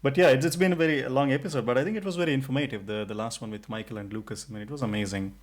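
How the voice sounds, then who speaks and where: A man's voice: mid-range voice, racing. A man co-hosting a podcast in a casual, chatty way with frequent restarts. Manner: chatty, many restarts and fillers. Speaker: podcast co-host.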